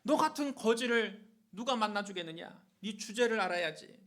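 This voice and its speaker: A man playing a scornful bystander who scolds a beggar in a slow, harsh, contemptuous voice. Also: high-pitched, animated, fairly bright tone.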